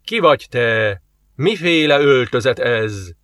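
Audiobook villain: man doing a haughty bearded merchant, slow and weighty, dry close sound. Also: medium pitch, expressive, fairly bright tone, no room sound, lightly acted.

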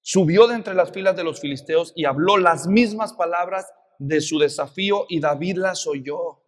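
A man with a Mexican accent preaching a sermon, telling a Bible story in a lively way with many rhetorical questions. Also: high-pitched, moderate pace, in a large hall. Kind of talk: expository sermon.

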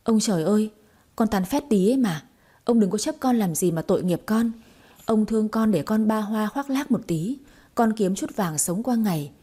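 A woman's voice: mid-range voice, lively intonation, moderate pace, mellow, breathy edge. A woman voicing a boastful, cheeky young female fortune-teller in a storybook reading, with brash, chattering speech. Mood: pleading. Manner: brash, chattering, self-mocking.

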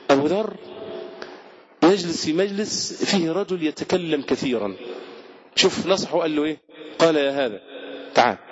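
Fervent, quick Egyptian preacher. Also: male voice, fairly high pitch. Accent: Egyptian Arabic. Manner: fervent preacher, repeats words for emphasis. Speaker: sheikh giving a Ramadan lesson. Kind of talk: sermon. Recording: dull lo-fi recording.

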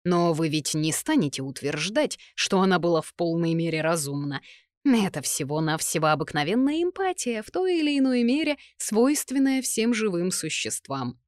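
Ceremonious male high judge in an audiobook, stately and formal, as a female narrator reads him, dry close sound. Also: very animated, moderate pace, darkish tone, dry recording. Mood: objecting.

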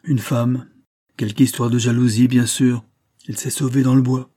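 A man's voice: mid-range voice, little pitch movement, normal speed, warm tone, no echo, clean studio sound, pitched above the performer's own voice, natural voice. A man voicing a tall, bearded, blond woodsman who speaks urgently and out of breath, in a read-aloud story.

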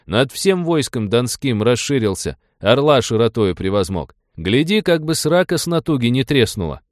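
A man voicing a calm grown peasant newcomer among cossacks who answers taunts with dry, mocking retorts. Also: medium pitch, normal speed, dry recording, close to an everyday voice. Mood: wry.

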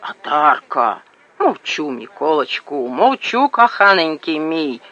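A man voicing a loud, excitable peasant woman with Ukrainian-Russian village speech, in a shrill, wailing, chattering voice. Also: takes it slowly, dry recording, heavily acted. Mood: gushing. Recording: dull lo-fi audio.

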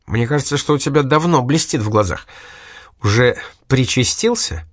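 A man reading aloud and voicing a sly, stubborn young woman, raising his pitch in a coaxing, teasing manner. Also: big pitch swings, normal speed, dry recording, lightly acted.

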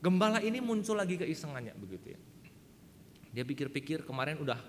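A man's voice: fairly high pitch, big pitch swings, fairly quick, long reverb tail, a little hiss or hum. A man preaching a sermon, emphatic and often addressing the congregation directly, telling a story. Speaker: pastor. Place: church hall.

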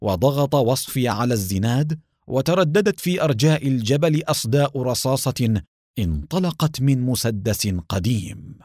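A man narrates a dramatic story in an expressive, animated way. His pitch moves freely through each sentence. The recording is dry and close, with no room around it. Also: normal speed, dry recording.

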